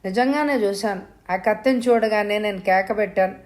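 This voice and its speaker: A woman doing a scared shaken young woman in a spoken thriller, answering quietly and uneasily, close to the reader's own voice. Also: medium pitch, normal speed, lightly acted. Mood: uneasy. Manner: hushed, uneasy replies.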